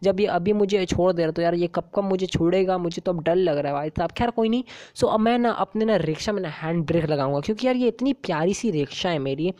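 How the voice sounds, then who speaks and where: A woman giving chatty, excitable comic game commentary in character as a cheeky baby gangster boy. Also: lowish voice, quick pace, few pauses. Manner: excitable, chatty, exclaiming often. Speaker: gaming YouTuber.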